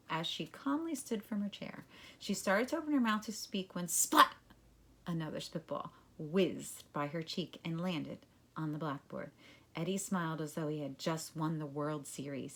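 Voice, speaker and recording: A woman teacher reading a children's book aloud, with expressive storytelling. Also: sits low, normal speed. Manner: expressive storytelling, acting out the scenes.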